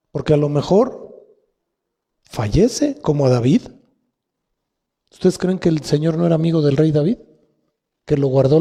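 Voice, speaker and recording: A man's voice: a little high, warm tone, slightly rough. A man with a Mexican Spanish accent preaching a sermon as pastor, asking the congregation rhetorical questions. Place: church hall. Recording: long hall reverb.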